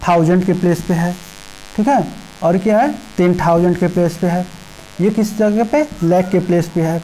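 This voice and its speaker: Woman, math teacher, slow repetitive explaining, keeps checking in, mellow dark tone, faint background noise. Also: lowish voice, low-quality recording. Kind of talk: class 5 math lesson in Hindi with English number words.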